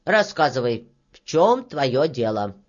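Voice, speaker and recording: A woman voicing a calm, wise grey-haired old peasant man who speaks slowly and kindly. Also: very deep voice, voice pushed down, heavily acted. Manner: slow, reproachful, kindly. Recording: dull lo-fi recording.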